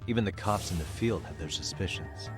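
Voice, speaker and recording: An actor playing a blunt, dogged detective who challenges people informally in a video game drama. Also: male voice, low voice, a little fast, lightly acted. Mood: accusing. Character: blunt, dogged male detective confronting a shady official. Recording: music behind the voice.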